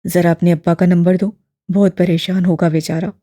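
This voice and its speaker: A woman voicing a kindly elderly male imam who speaks in a steady, balanced, fatherly tone, deeper and fuller than her own voice. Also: fairly quick, no echo, clean studio sound, lightly acted. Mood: gentle. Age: older.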